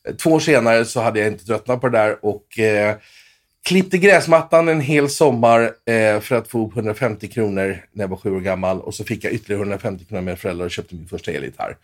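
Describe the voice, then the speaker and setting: A man in his fifties from Sweden, a guitarist telling stories in an interview with many restarts and fillers. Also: lowish voice. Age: 50s. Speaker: guitarist guest. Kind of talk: storytelling interview.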